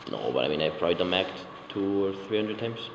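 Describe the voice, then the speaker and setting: A young man, a circus performer, talking casually in an interview, relaxed and swearing offhandedly. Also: low-pitched, fast talker, creaky. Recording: echoey hall, background noise.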